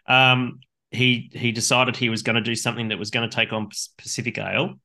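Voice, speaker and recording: A man's voice: mid-range voice, flat delivery, fairly quick, sharp tone. A man with an Australian accent co-hosting a casual beer chat in a colloquial, matey way. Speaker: beer show co-host, brewer.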